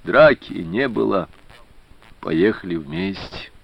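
A calm, persistent detective from an audiobook story, read by a male narrator, his voice dropped low and kept soft and insistent. The recording is dry and slightly dull. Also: slow pace, gravelly, husky, no echo, exaggerated voice. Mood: coaxing.

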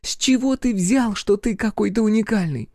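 A man voicing a fierce, scornful young girl in an audiobook, mocking and shouting at a boy. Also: high-pitched, moderate pace, no echo, studio quality, pitched above the performer's own voice, lightly acted. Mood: furious. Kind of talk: audiobook character voice.

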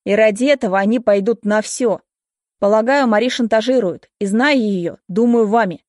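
A woman's voice: on the high side, a little mellow, no echo, clean studio sound, close to an everyday voice. A woman voicing an anxious young man, the wife's ex-husband, who urgently pleads to be heard. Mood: urgent pleading. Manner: hurried, pleading.

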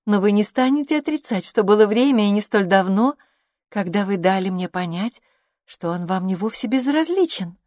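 A woman voicing a poised, clever young gentlewoman who speaks in a measured, composed way. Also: medium pitch, animated, no room sound, clean studio sound, natural voice.

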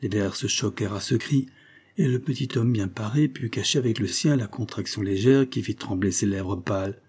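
A man narrating a historical story as an audiobook in a measured, literary reading. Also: lowish voice, a little mellow, husky.

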